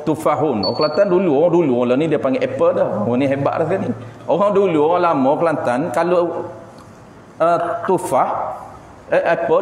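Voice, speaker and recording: A man's voice: on the high side, a little mellow. Malaysian male teacher, religious class, repeats key terms, long reverb, faint background hiss. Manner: explanatory, repeats key terms, asks and answers his own questions. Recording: echoey hall with faint background noise.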